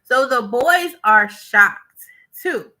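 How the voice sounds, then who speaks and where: Bright-voiced woman recapping casually. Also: on the high side, extremely slow, low-quality recording. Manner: animated retelling, acts out quotes, chatty with fillers. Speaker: reality show recapper.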